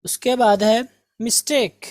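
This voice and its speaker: Slow, patient woman teaching English words. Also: a little high, steady tone, darkish tone, no echo, clean studio sound. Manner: patient, repeats each word and meaning. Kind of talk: slow vocabulary drill lesson.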